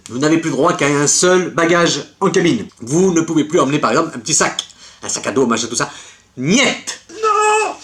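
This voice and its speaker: A man's voice: fairly high pitch, fairly bright tone. A man ranting in a casual vlog, exasperated and repeating his words. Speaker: collector vlogger.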